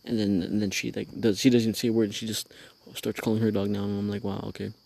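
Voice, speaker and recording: A man's voice: on the low side, flat delivery, fast, mellow. A man hosting his own show, telling a rambling, profane story in casual slang while sitting outdoors at night. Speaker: podcast host.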